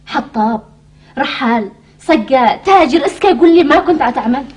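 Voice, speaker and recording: An actress playing a practical, gently scolding wife in a television drama, questioning and insistent, with a Yemeni accent. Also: female voice, high-pitched, expressive, moderate pace.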